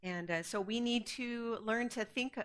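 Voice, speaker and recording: A woman giving an earnest, conversational sermon in short phrases, pausing after each so an interpreter can follow. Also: on the high side, a bit bright. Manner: earnest, conversational, with fillers and restarts. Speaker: guest speaker preaching through an interpreter.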